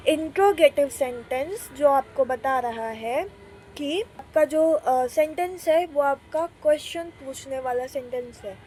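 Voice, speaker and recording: A woman with a high voice runs a beginner grammar class. She keeps asking the class rhetorical questions and then answers them herself, and she reads each example sentence slowly and deliberately. Faint noise hums under the recording. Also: dark tone. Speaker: English teacher. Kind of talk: classroom lesson explaining grammar.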